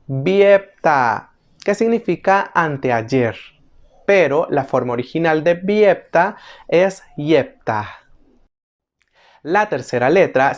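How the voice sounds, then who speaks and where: A teacher narrating an instructional video, methodically explaining each letter and slowly repeating every example word. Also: medium pitch, dull audio. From El Salvador. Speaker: language teacher.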